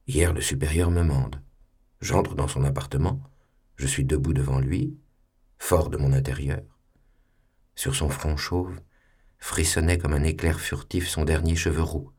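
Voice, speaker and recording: Deep husky guy reading a story out loud, slow and dramatic. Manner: measured, theatrical.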